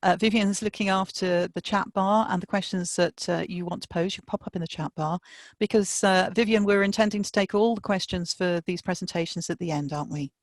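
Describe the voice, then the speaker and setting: A woman's voice: on the low side, steady tone, brisk, no echo. A woman co-chairing an online conference, doing informal introductions and housekeeping in a chatty, hesitant way over a video call. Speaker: conference co-chair and session host. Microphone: video call microphone.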